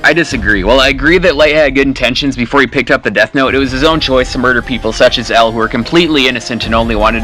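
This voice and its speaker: A man's voice: medium pitch, bright, forceful tone. A man narrating a scripted top ten countdown as host, giving opinionated commentary in a blunt, casually profane manner.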